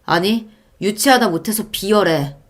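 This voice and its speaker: A woman's voice: mid-range voice, normal speed, close to an everyday voice. A woman voicing a young husband who argues in a cool, cutting way.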